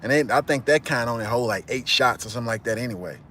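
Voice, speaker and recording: A man hosting a livestream, chatting with viewers and retelling a movie plot as a rambling, animated storyteller. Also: medium pitch, fast talker, slight background noise. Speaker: channel host. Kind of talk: livestream commentary reading chat.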